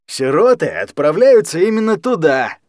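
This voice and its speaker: A man's voice: on the high side, very animated, normal speed, dry recording, clean studio sound, voice pushed up. A man voicing a drunk, boorish middle-aged guardian who slurs and mumbles his words, in a storybook reading. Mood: threatening, shouting.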